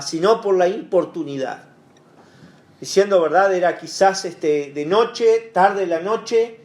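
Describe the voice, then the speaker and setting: In a church hall with a distinct echo, a male pastor leads a Bible study in a conversational style. He relies on fillers and rhetorical asides to his listeners, and his voice is high for a man.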